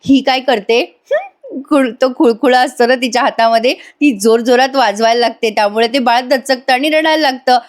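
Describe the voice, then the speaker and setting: A woman's voice: sits high, normal speed. A woman narrating a voice-over recap of a TV serial in a chatty, giggly storytelling way. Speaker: episode review narrator.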